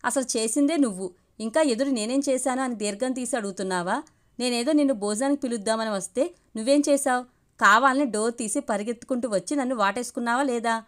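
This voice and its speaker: A woman playing a cocky young man in a storybook reading, smug and teasing. He argues at length in a taunting, self-assured way, voiced fairly high. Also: quick pace, close to an everyday voice. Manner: taunting, smug, long argumentative speeches.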